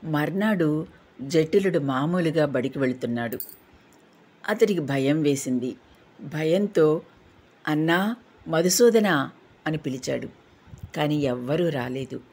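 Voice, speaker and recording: Low, husky woman telling stories. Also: unhurried, pauses often, dark tone. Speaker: storyteller. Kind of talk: scripted narration of devotional stories.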